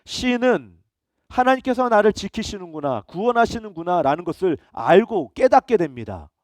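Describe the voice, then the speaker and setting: A middle-aged man preaches a sermon in a fairly high voice that swings widely up and down as he presses his points. He keeps asking rhetorical questions. The sound is dry and close, with no room echo. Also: big pitch swings, moderate pace, darkish tone. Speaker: pastor.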